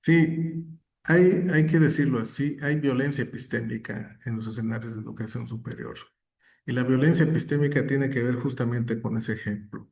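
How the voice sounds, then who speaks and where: A man talks reflectively as a guest academic, his voice mellow and dark. He builds his points through examples and keeps checking in with short questions. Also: medium pitch, moderate pace, creaky. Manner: reflective, gives examples, frequent tag questions. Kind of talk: conversational talk.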